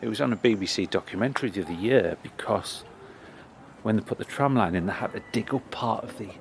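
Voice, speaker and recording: A middle-aged man with a low, gravelly voice narrates a casual walking vlog, eager and chatty as he reads inscriptions aloud. He records on a handheld camera outdoors, with clear outdoor noise and birdsong around him. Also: brisk. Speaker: history vlogger. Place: outdoor churchyard.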